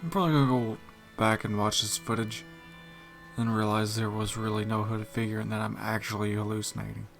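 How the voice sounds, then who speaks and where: A man with a Southern US accent and a gravelly, creaky voice narrates his gameplay casually. He sounds jumpy and uneasy and swears often. Faint game music sits underneath. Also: on the low side, little pitch movement, a little fast, a bit bright. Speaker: gameplay commentator. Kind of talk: casual let's-play commentary.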